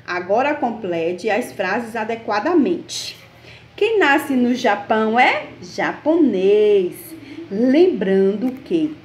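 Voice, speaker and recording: A woman with a Brazilian Portuguese accent teaching a primary school lesson in a slow, patient, over-articulated classroom manner. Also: medium pitch, a little mellow, slight background noise. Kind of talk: recorded online lesson. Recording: echoey room.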